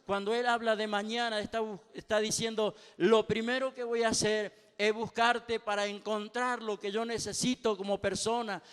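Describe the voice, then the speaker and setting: Pastor guy preaching, high clear voice, phrases repeated, hall echo. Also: flat delivery, moderate pace, hardly any pauses, a bit bright. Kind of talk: sermon. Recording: long hall reverb.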